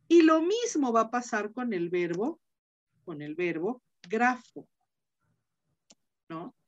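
A woman's voice: medium pitch, muffled recording. A woman teacher giving an online class, explaining step by step, repeating key points and checking in with her students.

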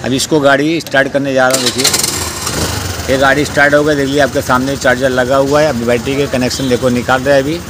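A motorcycle mechanic talks through a hands-on repair in a steady, even, mid-range voice that barely rises or falls, speaking a little fast. He explains plainly but keeps circling back with fillers. Recorded outdoors on a camera mic, the clip has clear street and traffic noise behind him.

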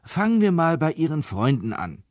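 A male reader voicing an orderly, upbeat street sweeper who talks in a brisk, methodical way. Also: a little high, very animated, darkish tone, dry recording, studio quality, voice pushed up.

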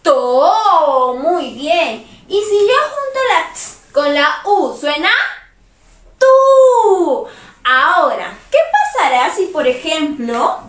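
A young woman teacher leads a reading lesson for small children. Her voice is very high and bright, lilting up and down in an exaggerated sing-song, and she draws every word out very slowly. The sound is roomy and echoey. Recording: roomy echo.

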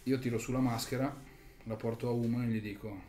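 A man playing at a tabletop role-playing game, stating his character's actions calmly with short replies. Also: mid-range voice, a little fast, slight background noise. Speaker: player. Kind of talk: casual tabletop play.

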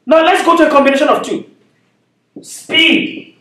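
Captured by a far-off camera in an echoey indoor classroom, a man in his thirties with a Nigerian accent lectures on physics at a whiteboard. He works through it step by step, often saying "okay?". His very high voice sounds pushed and bright, at normal speed.

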